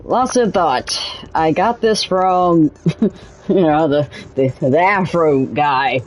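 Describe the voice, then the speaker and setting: A woman's voice: low voice, slow pace, darkish tone, a little hiss or hum, poor audio. A young woman hosting a let's play, rambling casually with a laid-back, self-correcting manner. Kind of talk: casual gameplay commentary. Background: game music.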